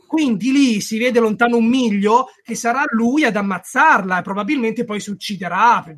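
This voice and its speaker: A man with a notably high voice argues his case in a casual podcast chat. He sounds animated and combative, and he swears now and then. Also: normal speed. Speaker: podcast co-host. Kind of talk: heated casual discussion.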